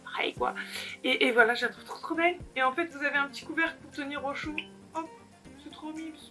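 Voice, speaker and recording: A young woman vlogger films a casual haul video alone at home, talking to the camera in a giggly, rambling way and poking fun at herself. Her voice is high-pitched, fairly quick, bright, and forceful, with faint music behind.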